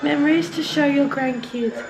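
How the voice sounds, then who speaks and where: Hoarse young woman vlogging. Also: high voice, normal speed, noisy background. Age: early 20s. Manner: chatty, gushing. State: losing her voice, hoarse. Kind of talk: casual vlog chat. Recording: background music.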